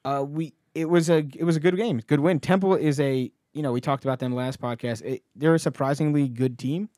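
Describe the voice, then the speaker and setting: A man's voice: on the high side, fairly quick, mellow, no room sound, clean studio sound. A man hosting a podcast, talking sports in a casual, conversational style. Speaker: podcast host.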